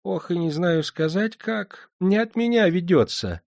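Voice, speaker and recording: A man's voice: sits high, unhurried, creaky, a little mellow, no echo, studio quality, voice pushed up. Man putting on a sugary old moneylender woman. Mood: sugary, wheedling. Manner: honeyed, wheedling.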